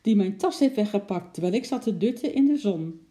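A woman voicing a flustered middle-aged lady who has lost her bag, exclaiming in a high, loud voice. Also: animated, a little fast, lightly acted. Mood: upset. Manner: shrill and exclaiming.

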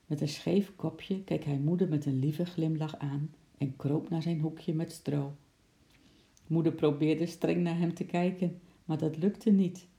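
A storyteller reading a children's story aloud in an expressive way. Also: mid-range voice, unhurried, creaky.

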